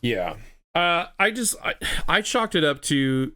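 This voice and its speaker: A man's voice: on the high side, sing-song, a little slow, bright, forceful tone. A man co-hosting a podcast in casual gaming chat, easygoing and agreeable, giving short nods and then longer complaints. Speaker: podcast co-host.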